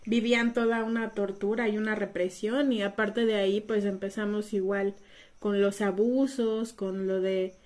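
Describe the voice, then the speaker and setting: A woman's voice: medium pitch, steady tone, normal speed, darkish tone. A woman co-hosting a podcast, chatting casually and restarting her sentences often. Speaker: podcast co-host. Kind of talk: casual conversation.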